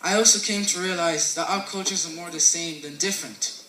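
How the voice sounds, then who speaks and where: A man's voice: fairly high pitch, fairly quick, bright, forceful tone, slight background noise. A teenage boy reading a sincere school speech, with small slips. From Ireland. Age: teens. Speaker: student presenter. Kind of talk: scripted school presentation. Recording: roomy echo, mic at a distance.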